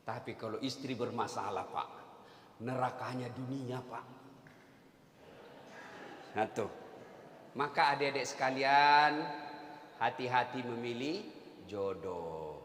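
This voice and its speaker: Male preacher, high tense voice, animated sermon, long hall reverb. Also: takes it slowly, long pauses, slight background noise. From Indonesia. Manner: animated preaching, swinging from loud to hushed. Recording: echoey hall, roomy sound.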